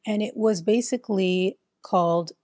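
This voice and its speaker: A woman's voice: mid-range voice, moderate pace, darkish tone, no echo, clean studio sound. A woman hosting a vlog who talks in a casual, chatty way and fills her sentences with "like" and "whatever.". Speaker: host. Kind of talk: casual chat.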